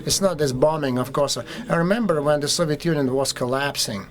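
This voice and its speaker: Speaking on a conference panel, this Russian-accented Russian man sounds fairly high-pitched. His delivery stumbles, packed with fillers and restarts.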